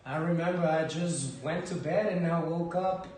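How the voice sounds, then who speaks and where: Answering interview questions at normal speed, a thirty-something Ecuadorian teacher speaks in a voice on the high side, relaxed and hesitant, with frequent repeated words as he thinks. The setting is an indoor school library with bookshelves. A distant camera across a desk gives an echoey, faintly noisy recording.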